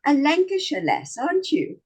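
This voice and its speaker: A woman with a South African accent hosts a chat-style interview over a video call. Her voice sits high and swoops about lively as she asks her questions. She sounds friendly and conversational. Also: moderate pace, rough recording. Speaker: host.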